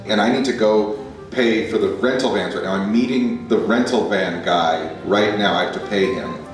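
An actor playing an apologetic, confused small-town treasurer, heard on an archival recording of a council meeting. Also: male voice, on the low side, moderate pace, faint music behind. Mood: flustered. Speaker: town treasurer and reserve officer. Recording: echoey meeting room, far from mic.

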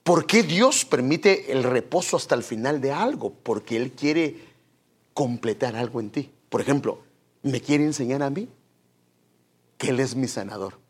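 A man's voice: mid-range voice, expressive, a little slow, husky. A man preaching a sermon, emphatic, often addressing his listeners as brother.

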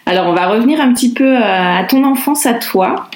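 A woman's voice: fairly high pitch, expressive, fairly quick, low-quality recording. A woman interviewing a guest, asking informal questions in a casual, friendly way.

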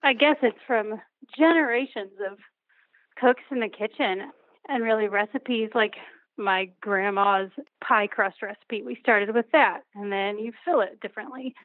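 A woman with a fairly high voice comes through over the phone on a thin, tinny line. The sound is dry and close. She talks easily and warmly, agreeing in short replies. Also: measured pace, no room sound. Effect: heard over the phone. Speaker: caller, a parent teaching her kids to cook. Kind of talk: casual call-in chat.

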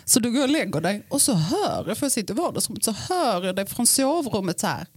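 A woman co-hosting a podcast in casual chat, telling a story in a teasing, animated way. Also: mid-range voice, breathy edge, no room sound, studio quality. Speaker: podcast co-host.

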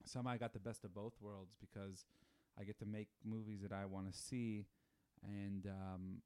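This podcast guest, a man in his thirties, has a smooth voice that sits on the low side, and he talks at an ordinary speed. Chatting casually, he spins stories with lively energy and plenty of filler words.

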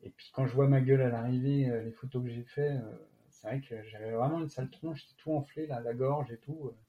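A man with a French accent, a guest athlete telling his story casually in an interview, halting with many fillers and restarts. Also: mid-range voice, steady tone, dull audio.

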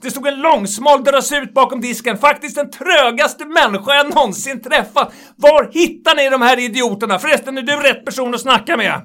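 A man voicing an impatient, furious male customer who shouts complaints and insults. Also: very high-pitched, few pauses, voice pushed up. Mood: furious complaining.

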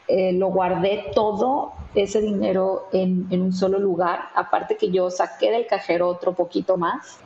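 A woman's voice: medium pitch, a little mellow, roomy sound, muffled recording, a little hiss or hum. A woman, a guest in an interview, telling a story in a chatty way with many fillers and tag questions. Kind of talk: conversational storytelling.

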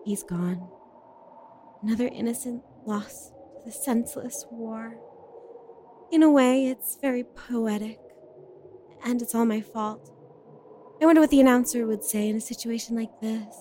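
A woman's voice: fairly high pitch, unhurried, pauses often, dark tone, a little hiss or hum, lightly acted. A woman playing an overdramatic young heroine. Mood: melodramatic. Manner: dramatic, overwrought, brooding monologue. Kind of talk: audio drama acting.

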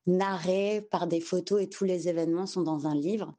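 A woman from France telling a personal story candidly on a podcast, unhurried and searching for her words, slipping English terms into her French. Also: lowish voice, steady tone, warm tone.

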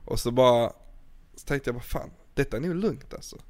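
A man's voice: mid-range voice, expressive, a little mellow. A young man in casual chat, laid-back and swearing, telling stories with laughs. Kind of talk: casual storytelling.

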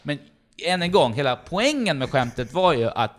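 Man, young adult, casual chat, animated storytelling, acts out quoted voices. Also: on the high side. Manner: swears casually. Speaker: comedian telling a story.

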